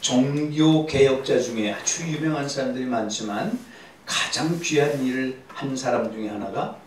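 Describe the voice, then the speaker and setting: A man's voice: medium pitch, normal speed, a little hiss or hum. A male pastor leading a Bible seminar sermon. He stresses and repeats key words and prompts the congregation to answer back. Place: church. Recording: distant echoey church recording.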